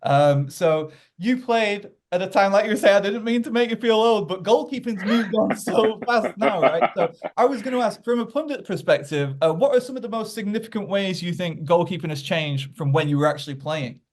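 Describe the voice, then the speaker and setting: A man's voice: high-pitched, moderate pace, few pauses, a little hiss or hum. A man co-hosting a casual interview over a video call, asking questions in a friendly way with light laughs. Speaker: co-host.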